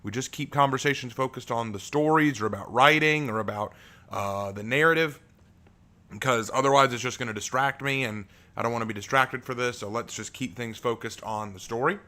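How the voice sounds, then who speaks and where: Talking a little fast, this man with a deep voice hangs out with viewers on his stream and then reads his fantasy prologue, which he wrote himself. His delivery is easygoing, full of fillers and restarts.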